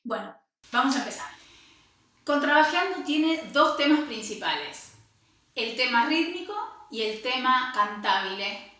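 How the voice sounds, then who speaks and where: A woman teaching double bass, explaining patiently, singing rhythms with syllables and counting aloud. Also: lively intonation, a little slow, pushed and bright. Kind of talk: instructional music lesson. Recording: very echoey room.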